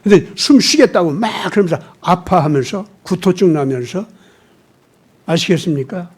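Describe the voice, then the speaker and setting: A man with a high voice preaches a sermon in a church. He speaks emphatically and tells stories, often switching into acted-out lines of dialogue. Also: animated, normal speed, breathy edge. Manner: emphatic, acts out dialogue in his storytelling. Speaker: pastor.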